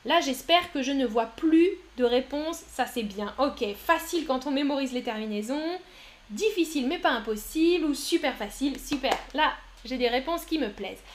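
A woman with a high voice teaches French on a live stream. She reads out viewers' answers from the chat one after another and praises each of them. Her delivery is encouraging and upbeat. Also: lively intonation, moderate pace, slight background noise. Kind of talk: live-streamed language lesson.

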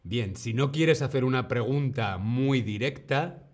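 A man with a Spain accent hosting a live-streamed language lesson, speaking at a slow, unhurried pace in a voice of middling pitch. He opens with lively greetings, then settles into patient explanation, repeating each example. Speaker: Spanish teacher and streamer.

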